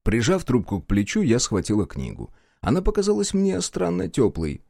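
A man narrating an audiobook in an expressive, animated way. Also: mid-range voice, normal speed, gravelly, dry recording, studio quality. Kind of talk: scripted narration.

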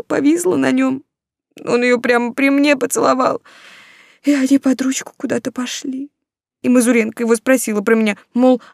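A woman's voice: high voice, creaky, dry recording, clean studio sound, voice pushed up. A woman voicing a naive, tearful young woman student in an audiobook, plaintive and whiny. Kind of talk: audiobook character voice.

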